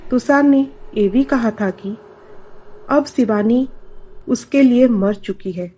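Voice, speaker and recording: A woman narrating a dramatic scripted story in a steady telling voice. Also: on the high side, slow, breathy edge, dull audio.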